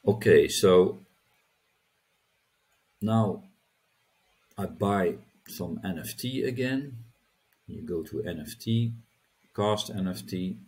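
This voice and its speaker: Middle-aged man, tutorial host: deep and husky, unhurried, halting, repeats words as he clicks. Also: darkish tone. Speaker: crypto channel host. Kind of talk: screen-recorded tutorial walkthrough.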